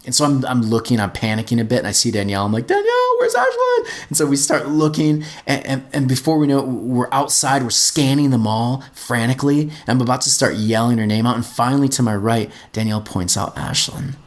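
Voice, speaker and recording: A man's voice: mid-range voice, fast, few pauses. A middle-aged man, a podcast host, telling a personal story in an earnest way and often repeating words as he gets going.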